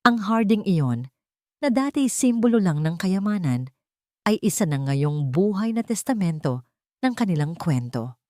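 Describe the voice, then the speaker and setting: In a dry, studio-quality recording, a woman with a lowish, slightly mellow voice narrates a scripted audio drama. She sounds earnest and sentimental, using careful phrasing and dramatic pauses.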